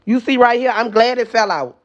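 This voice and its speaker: A man's voice: very high-pitched, fairly quick, highs cut off. A man with a lisp from a missing front tooth, bantering casually and brashly with lots of swearing. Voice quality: lisping, slurred speech from a missing front tooth. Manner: brash, loud, theatrical trash talk with heavy swearing. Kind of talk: casual joking chat.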